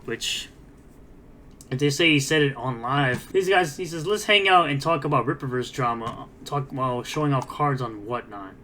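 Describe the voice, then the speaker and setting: A man's voice: medium pitch, sharp tone. A man hosting a drama commentary, reading posts aloud and reacting to them in a mocking, scornful way. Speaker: host of a commentary video. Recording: clearly noisy background.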